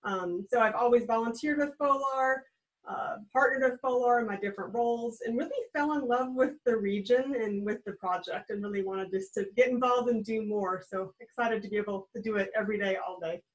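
Brisk and fairly high-pitched, this American guest in her thirties comes through on a low-quality recording. A regional trail program director, she speaks on a video-call interview via webcam from a small room at home, upbeat and friendly.

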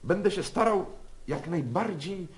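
Pompous psychiatrist, lively lilting delivery, commanding. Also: male voice, high-pitched, a little slow. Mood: bossy pompous. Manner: bossy, pompous. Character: pompous self-important male psychiatrist, adult.

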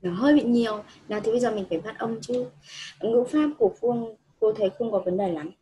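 A woman with a very breathy, husky voice tutors a student in English. She is patient and laughs easily. She mixes explanations with English phrases. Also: on the high side, fast talker, mellow, poor audio. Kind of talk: one-on-one online English lesson.

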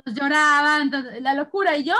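A woman's voice: high voice, fast talker. A woman in her thirties with a Mexican accent, chatting casually with her sister as co-host and telling family stories with lots of laughter. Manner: animated storytelling, laughing often. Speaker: co-host of an essential oils channel. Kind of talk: casual chat between sisters.

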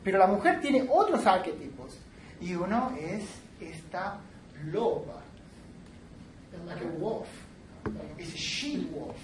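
A woman teaching a class, switching between Spanish and English and often checking in with the students in an animated way. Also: medium pitch, slow pace, pauses often, background noise. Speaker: instructor. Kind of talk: classroom lecture. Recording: roomy classroom sound from a distant mic.

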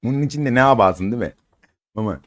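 A Turkish man giving casual commentary while opening crates in a mobile game, excitable, chanting repeated words and coaxing his cat. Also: mid-range voice, quick pace.

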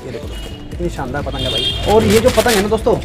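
A man's voice: high voice, big pitch swings, quick pace, loud music behind the voice. A young man vlogging from an open rooftop, chatting casually and calling out a kite match live. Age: young adult. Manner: chatty, keeps saying "friends" and "okay?". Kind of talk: casual demo and live commentary.

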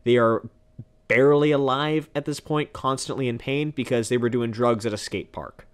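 A man's voice: mid-range voice, fairly even intonation, moderate pace, clear, resonant tone. A young man casually commenting on a game as its host, joking and self-deprecating. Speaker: gamer host. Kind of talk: casual let's-play commentary.

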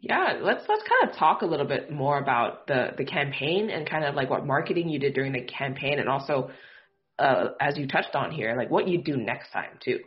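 A male podcast host interviews a guest in an upbeat way, peppering his questions with "like" and "got it". His pitch is mid-range. The remote audio sounds dull and lo-fi. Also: big pitch swings, moderate pace.

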